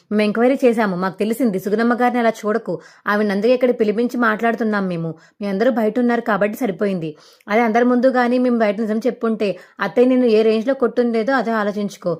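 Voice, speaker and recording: A woman's voice: fairly high pitch, darkish tone, close to an everyday voice. A woman voicing a fiery, accusing young wife. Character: outraged young wife confronting her deceitful co-sister.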